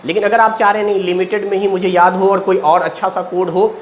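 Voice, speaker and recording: A man's voice: high voice, little pitch movement, brisk, slight background noise. A man teaching a chemistry lesson in speech, explaining step by step and answering his own questions. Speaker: coaching teacher. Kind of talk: classroom lecture at a board.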